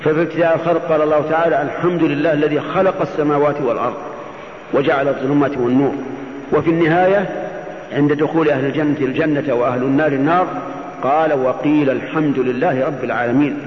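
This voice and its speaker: Higher-pitched male scholar lecturing in echoing hall. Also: fairly even intonation, fast. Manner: didactic, poses questions and answers them. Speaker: religious scholar teaching a lesson. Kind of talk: Quran commentary lecture in classical Arabic. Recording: muffled, echoey hall, faint noise.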